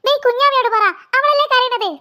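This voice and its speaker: Woman voicing a smug, teasing cartoon girl, very high and bright voice. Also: a little fast. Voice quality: very high childlike voice. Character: cheeky smug young girl, teasing sister. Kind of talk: cartoon voice acting.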